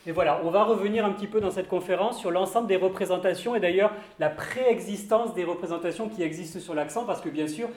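A man's voice: high-pitched, fast, hardly any pauses, darkish tone, echoey room. A man giving an academic conference talk on accents, thoughtful and hedging, with many fillers and restarts. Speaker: lecturer on accents.

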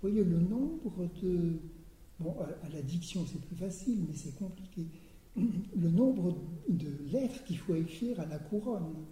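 An older man giving an academic lecture, hesitant, repeating words and often clearing his throat. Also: high-pitched, lively intonation, a little slow, warm tone. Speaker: lecturer on Persian poetry. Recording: roomy hall sound.

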